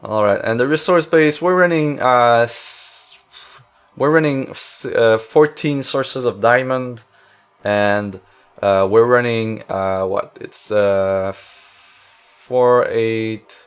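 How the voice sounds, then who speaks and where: A man's voice: mid-range voice, slow, smooth. French-Canadian man musing over a deck. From Quebec, Canada. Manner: thinking aloud, frequent filler words and restarts. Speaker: streamer. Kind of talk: casual card-game deck commentary.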